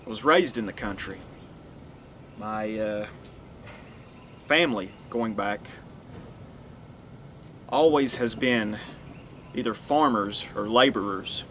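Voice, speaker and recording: Speaking slowly with long pauses, this Northeast Tennessee man has a low, slightly bright voice. As a vlogger, he delivers an earnest, rambling casual monologue to camera, often restarting or trailing off. There's slight background noise.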